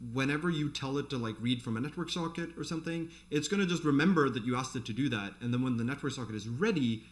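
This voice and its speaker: Man, programming instructor, mid-pitched voice, conversational, thinking aloud, informal live tutorial delivery. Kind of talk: informal live coding tutorial, explaining off the cuff.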